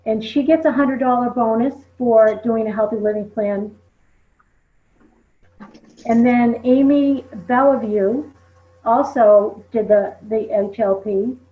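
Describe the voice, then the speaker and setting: A woman's voice: fairly high pitch, steady tone, takes it slowly. Chatty woman on a tinny phone line. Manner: chatty, peppered with "you know". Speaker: team leader hosting a recognition call. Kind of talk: conversational group call.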